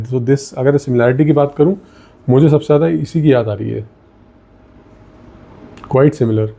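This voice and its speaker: Indian male perfume vlogger, deep mellow tone, chatty code-switching review. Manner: mixes Hindi and English, thinks aloud while sniffing. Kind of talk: casual product review vlog.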